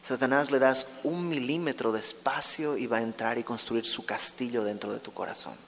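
Conversational preacher in a reverberant hall. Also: male voice, mid-range voice, steady tone, moderate pace, a bit bright, slight background noise. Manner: conversational, asks the audience questions. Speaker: Bible teacher. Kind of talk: verse-by-verse Bible study sermon.

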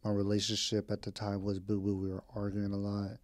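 A man in his twenties, a vlogger, rambles through a casual catch-up podcast from home, candid and drifting between topics, dropping slang and the occasional swear. His voice is lowish, a little mellow and a little fast, with a completely flat delivery and no room sound.

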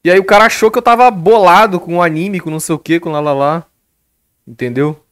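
Foul-mouthed Brazilian streamer, higher-pitched man. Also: brisk, clean tone, no room sound, studio quality. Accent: Brazilian Portuguese. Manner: swears constantly, animated storytelling. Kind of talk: casual live-stream rant. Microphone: headset.

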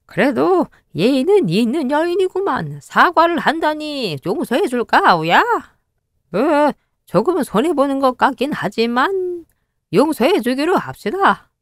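Cartoon old hermit men voiced by a woman, bickering, drawn-out whine. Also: high voice, big pitch swings, dry recording, studio quality, voice pushed up. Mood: grudging. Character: two quarrelsome old male mountain hermits. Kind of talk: storybook cartoon voicing.

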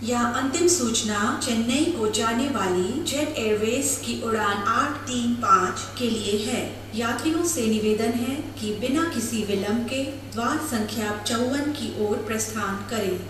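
A woman reads a formal scripted airport announcement in measured phrases over a public address system. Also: fairly high pitch. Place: large indoor airport departure hall, over loudspeakers. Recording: echoey terminal PA, distant, noisy. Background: terminal ambience noise.

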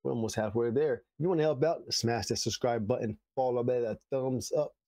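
A man's voice: medium pitch, a little fast, mellow, no echo. A man co-hosting a reaction channel, joking around in laid-back casual chat. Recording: dry close recording.

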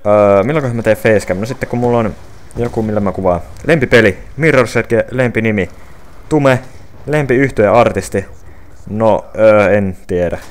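A young man reading viewer questions off his phone and answering them casually, with many fillers and restarts. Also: lowish voice. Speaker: gaming channel creator answering viewer questions.

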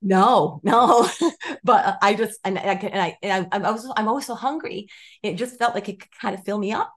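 Speaking at a normal pace in a mid-range voice, a fifties-aged woman on a video call shares her story in casual interview chat. She's animated, often restarting and performing quotes, gesturing from a stone-walled room at home.

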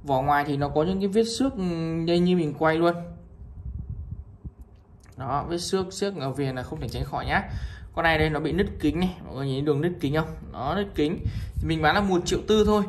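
Northern Vietnamese man giving a sales pitch. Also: fairly quick, a little hiss or hum. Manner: repetitive, item-by-item selling with frequent appeals to viewers. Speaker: phone shop seller. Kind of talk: informal sales pitch, showing products one by one.

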